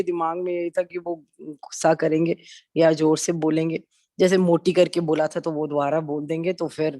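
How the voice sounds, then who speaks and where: A woman's voice: low-pitched, a little mellow, dry recording, clean studio sound. A woman in her forties sharing a spiritual testimony at a satsang, telling it as a conversational story that mixes in English words and acts out quoted dialogue. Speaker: devotee sharing experiences at a satsang.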